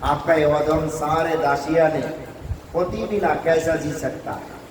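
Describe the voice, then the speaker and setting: A man's voice: on the high side, slow pace, background noise. A man voicing the serpent king's wives as they plead for their husband's life, in a raised, imploring voice. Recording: echoey hall from far off.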